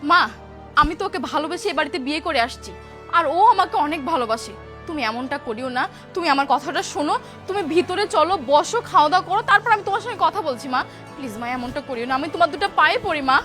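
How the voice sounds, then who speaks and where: A woman's voice: high-pitched, animated, fast talker, sharp tone, faint music behind. A woman playing a young married daughter who pleads with and soothes her angry mother. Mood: pleading.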